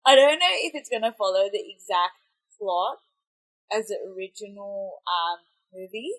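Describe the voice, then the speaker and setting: Stuffed up from a cold, a young Australian woman chats casually while reacting to a movie trailer, often correcting herself. She speaks in a bright, mid-range voice with lively intonation at a moderate pace, captured on low-quality audio.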